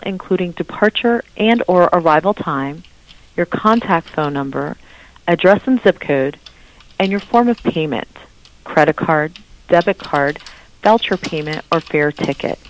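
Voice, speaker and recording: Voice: medium pitch, poor audio. Recorded phone menu voice over a line. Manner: slow, evenly spaced prompts. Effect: recorded phone menu message.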